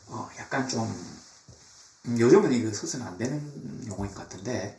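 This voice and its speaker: A middle-aged man preaching a sermon as pastor, animated, now and then mimicking mocking tones. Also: medium pitch, a little fast. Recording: echoey church from far off.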